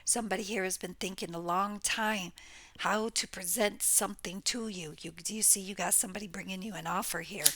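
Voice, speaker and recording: A woman's voice: medium pitch, steady tone, brisk, fairly bright tone, no echo. A woman doing a casual tarot reading for her viewers, blunt and exclaiming, with the odd curse. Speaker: tarot reader. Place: home room near a window.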